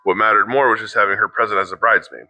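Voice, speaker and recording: A man's voice: on the low side, fairly even intonation, bright, forceful tone, no room sound, low-quality recording. A middle-aged man reading an online post aloud in casual chat, stopping often to restart and dropping swear words into his asides. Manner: halting, restarts mid-sentence, swears in asides. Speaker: co-host reacting to online posts.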